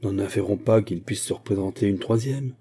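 A man reading a sly, clever musketeer bishop in an audiobook. He reasons calmly and coaxingly in a low, husky voice. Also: brisk. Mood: reassuring. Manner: reasoning, reassuring.

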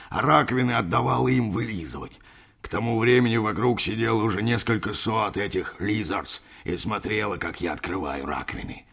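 A man's voice: fairly low pitch, vocal fry, fairly bright tone, breathy edge, exaggerated voice. A man voicing an older, sentimental sea captain who rambles through a yarn in an audiobook. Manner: rambling folksy storytelling, addresses listener as brother. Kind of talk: audiobook character reading.

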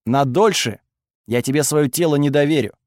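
Brief: man doing a hostile young woman, raised pitch, cutting and accusing. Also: normal speed, no room sound, studio quality, close to an everyday voice. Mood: furious, accusing. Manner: sharp, accusing and shouting. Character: angry, defensive young woman with strange powers.

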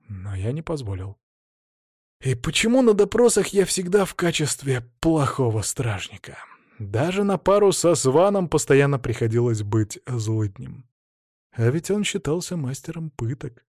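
Male narrator, lively intonation, wry storytelling, dry close mic. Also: medium pitch, dry recording. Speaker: audiobook reader. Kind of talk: scripted first-person narration.

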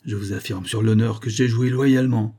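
Male reader doing a cornered gambler, loud denials, husky and dark. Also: fairly low pitch, steady tone, moderate pace. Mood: indignant. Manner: protesting, defensive. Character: indignant cheating gentleman banker.

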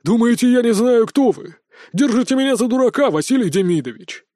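A hot-tempered, arrogant governor, voiced by a man who blusters, snaps and shouts. The voice sits a little high but mellow, recorded close and dry. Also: a little fast, no echo, natural voice. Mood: shouting. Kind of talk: audiobook character voicing.

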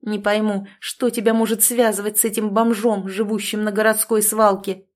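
A woman voicing a jealous, hot-tempered young man who shouts, in a read-aloud story. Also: mid-range voice, little pitch movement, moderate pace, close to an everyday voice. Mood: furious. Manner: shouting, agitated.

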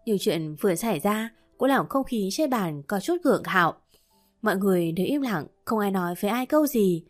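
Female audiobook narrator, steady first-person reading, mid pitch, faint music bed. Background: soft background music.

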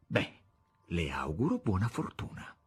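A man reading an audiobook, voicing the devil as a calm, sly older man in a low, hushed, half-whispered voice. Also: a little slow, slightly rough, full character voice.

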